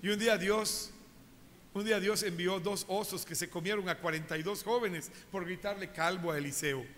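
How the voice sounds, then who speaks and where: A man's voice: high voice, fairly even intonation, normal speed, a bit bright. A man preaching a sermon as pastor, telling stories animatedly and addressing his congregation directly, in a reverberant church hall.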